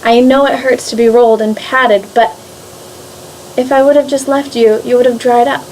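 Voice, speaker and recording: A woman voicing a calm, patient old male master potter in a storybook reading, speaking softly and evenly. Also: fairly high pitch, normal speed, a little hiss or hum, lightly acted, rough recording. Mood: gentle.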